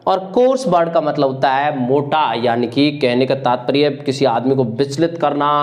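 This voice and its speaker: A man from India with a high voice teaches an exam-prep vocabulary lesson. He repeats each word and its meaning over and over, drilling it like a classroom tutor. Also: darkish tone. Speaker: English teacher.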